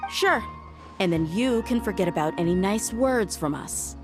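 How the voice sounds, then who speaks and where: A woman's voice: mid-range voice, animated, normal speed, over music, lightly acted. An actress voicing a tough, blunt, confident young mercenary woman in a video game, speaking assertively with a sardonic, threatening edge. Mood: stern, impatient.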